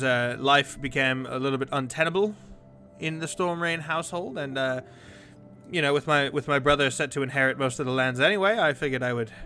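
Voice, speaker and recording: A man's voice: mid-range voice, pushed and bright, natural voice. Man playing an evasive, hesitant runaway noble. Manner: hesitant, many fillers. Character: noble second son hiding his title, evasive young man. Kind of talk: tabletop role-play in character.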